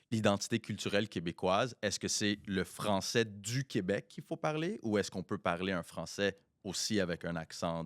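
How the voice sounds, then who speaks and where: Low-voiced bilingual man, emphatic. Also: clear, resonant tone, dry recording, clean studio sound. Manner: switches between French and English mid-sentence; opinionated and emphatic. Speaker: podcast co-host. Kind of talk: casual bilingual chat.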